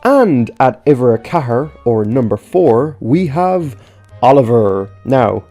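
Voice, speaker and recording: Mellow Irish man hosting a ranking. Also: medium pitch, big pitch swings. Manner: chatty, drawn-out countdown announcements. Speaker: host. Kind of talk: ranking commentary. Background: faint background music.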